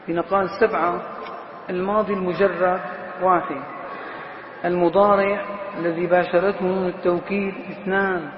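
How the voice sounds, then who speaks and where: A man's voice: high-pitched, flat delivery, moderate pace, pauses often. Man teaching grammar, stretches out example words, chants verses, asks the class questions, dull recording with faint hiss. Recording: echoey hall, slightly dull sound, faint noise.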